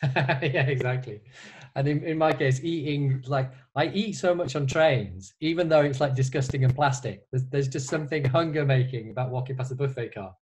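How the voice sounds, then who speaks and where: Chatty middle-aged host on a video call. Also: male voice, mid-range voice, normal speed, a little mellow, breathy edge. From Yorkshire, England. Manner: chatty, frequent fillers and restarts. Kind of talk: casual video-call chat. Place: bedroom at home. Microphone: headset mic on video call.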